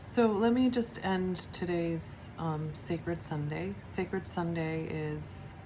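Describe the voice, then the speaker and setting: A woman giving a spiritual teaching, speaking softly and reflectively, with pauses, fillers and restarts. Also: lowish voice, noisy background. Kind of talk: devotional teaching talk.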